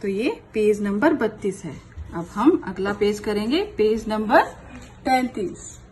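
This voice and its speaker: Woman teacher for young kids, unhurried and patient, repeats each word, faint hiss behind. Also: mid-range voice, lively intonation, darkish tone. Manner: slow, patient, repeats words for young children. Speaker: primary school teacher. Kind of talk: online class lesson.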